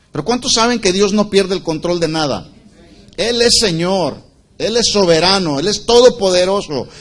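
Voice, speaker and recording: A male pastor preaching a Bible-study sermon, explaining word meanings and asking the congregation questions. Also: fairly high pitch.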